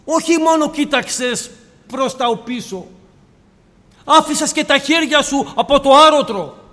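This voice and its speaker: A man's voice: very high voice, pushed and bright, in a large hall. A man preaching a sermon with impassioned rhetorical questions, addressing his listeners as brothers and sisters.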